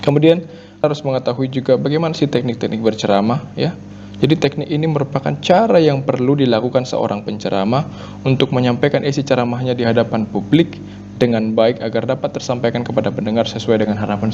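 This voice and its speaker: A man's voice: mid-range voice, quick pace, dark tone. A male teacher giving a recorded lesson, explaining point by point with lots of "ya" and "nah" fillers. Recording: dull lo-fi audio with mains hum.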